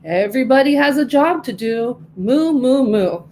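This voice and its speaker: A woman voicing a friendly female dairy cow in a storybook reading, with drawn-out moos. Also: high-pitched, expressive, a little mellow, slight background noise, voice pushed up. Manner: mooing, welcoming.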